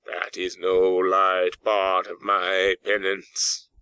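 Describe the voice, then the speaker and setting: A man voicing the remorseful, solemn ghost of a dead businessman in a storybook, declaiming with drawn-out, wailing words. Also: low-pitched, monotone, bright, forceful tone, smooth, full character voice. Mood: solemn warning. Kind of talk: dramatic audiobook character acting.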